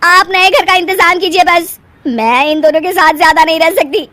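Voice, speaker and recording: A woman's voice: high-pitched, sing-song, normal speed, a bit bright, pitched above the performer's own voice. A woman voicing a spoiled, bossy young wife in a cartoon, whining and haughty. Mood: whiny. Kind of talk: cartoon voice acting.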